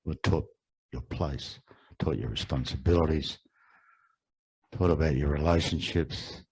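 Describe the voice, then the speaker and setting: Man, Australian accent, very deep husky voice, slow poetic ceremonial welcome. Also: darkish tone, low-quality recording. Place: large room with an audience.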